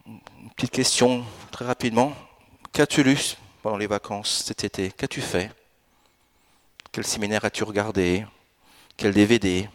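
A pastor in his fifties preaching a sermon in a church, with an animated delivery that rises into emphatic bursts. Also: on the low side, measured pace, long pauses. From France and Italy. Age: 50s. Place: church in Alsace.

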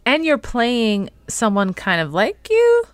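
A woman's voice: fairly high pitch, huge pitch swings, takes it slowly, no room sound. A woman hosting a casual interview, reacting with enthusiastic, supportive remarks. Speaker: podcast host.

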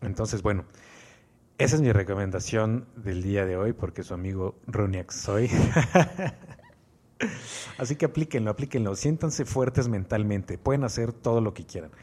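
This man co-hosts a casual podcast chat, holding forth enthusiastically and motivationally at length in a Mexican Spanish accent. His voice sits on the low side and sounds warm, at normal speed with long pauses.

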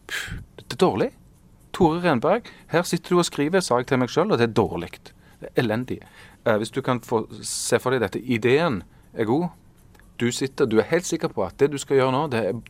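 A man in his forties, an artist talking in an interview, thoughtful and searching for words with many fillers and restarts. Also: fairly low pitch. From Norway. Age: 40s. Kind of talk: casual interview conversation.

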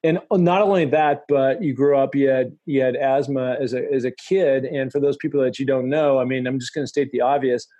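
Male podcast host, middle-aged, enthusiastic, mid-pitched, dry home-studio sound. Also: fairly even intonation, brisk, few pauses, dark tone, dry recording. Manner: upbeat, enthusiastic, frequent restarts. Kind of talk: casual podcast talk.

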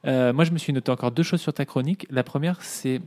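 A man's voice: medium pitch, quick pace, a little mellow. A man co-hosting a casual podcast, rambling and searching for his words. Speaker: podcast co-host. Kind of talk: casual banter among friends.

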